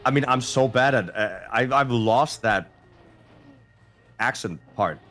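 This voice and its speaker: Male guest streamer, medium pitch, easygoing and teasing, light music underneath. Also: takes it slowly. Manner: relaxed, joking and teasing. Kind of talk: casual live-stream chat.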